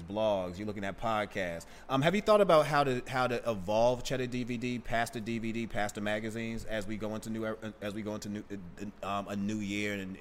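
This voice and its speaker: A man hosting a casual interview, from Boston, talking in an animated, emphatic, slangy way. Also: fairly low pitch. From Boston, USA. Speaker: podcast host.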